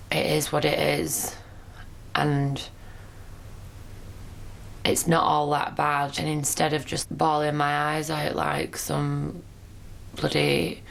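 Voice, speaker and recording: Low, gravelly woman, weary and blunt. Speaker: reality show contestant. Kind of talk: confessional to camera.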